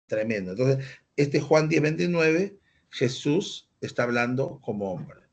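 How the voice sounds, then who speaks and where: A man's voice: medium pitch, lively intonation, unhurried. A man preaching a sermon, teaching through rhetorical questions and acted-out quotes. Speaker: pastor.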